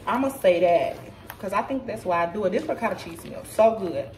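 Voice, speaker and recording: A woman's voice: mid-range voice, lively intonation, fairly quick, a little mellow. A woman in her thirties, a little tipsy, chatting to viewers as she walks through a home recipe in her kitchen. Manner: chatty, talks to viewers as "y'all". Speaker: vlogger cooking at home. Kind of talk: casual cooking walkthrough. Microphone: camera set back at counter. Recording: distant camera mic with room noise.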